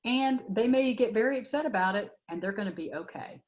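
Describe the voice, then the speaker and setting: A woman's voice: medium pitch, animated, fairly quick. A middle-aged woman presenting a workshop, answering audience questions with frank, direct advice and many fillers. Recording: dull lo-fi web audio.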